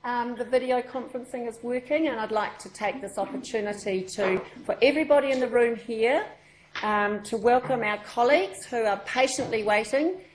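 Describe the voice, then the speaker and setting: A woman with a New Zealand accent, the organiser of an education session, welcomes a group to a meeting in an informal, chatty way, full of ums and restarts. Her voice is fairly high at a moderate pace, picked up by a far room microphone in an echoey room with slight background noise.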